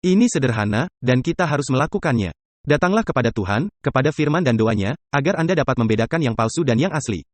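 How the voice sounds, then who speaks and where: A man's voice: medium pitch, lively intonation, fast talker, no room sound. A man giving the dubbed voice of a preacher, delivering the sermon conversationally and asking the audience rhetorical questions. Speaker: dubbing voice for a preacher.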